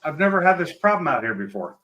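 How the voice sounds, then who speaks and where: A man hosting a casual video-call chat from his home garage, plain-spoken and quick to grumble about his connection. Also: a little high, very animated, pushed and bright, rough recording. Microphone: laptop on a video call.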